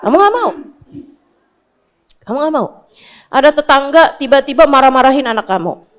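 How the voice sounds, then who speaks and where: A woman's voice: high voice, lively intonation, normal speed. A woman in her forties from Indonesia preaching a sermon, scolding her listeners with blunt rhetorical questions and chanting verses in Arabic. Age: 40s.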